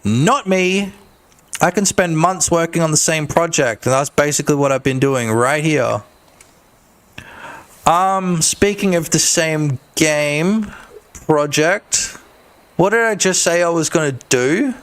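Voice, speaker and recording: A man's voice: fairly high pitch, expressive, slow pace. A man streaming his game development work, chatting casually and joking with his viewers while he works. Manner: chatty, joking, talks to chat. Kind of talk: casual livestream commentary.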